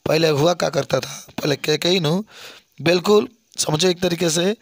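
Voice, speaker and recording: Man, gravelly voice, slightly high pitch, teacher explaining poetry verses, repetitive classroom style, dry close sound. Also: normal speed, no echo. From India. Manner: explains line by line, repeats phrases, asks students questions. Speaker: Hindi literature teacher.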